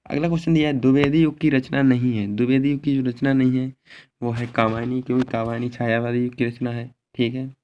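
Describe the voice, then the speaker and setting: Going through an exam paper step by step, a male teacher repeats each answer and checks in with a short confirming word. He talks fast in a smooth, level, medium-pitched voice, captured on a slightly dull lo-fi recording with faint noise.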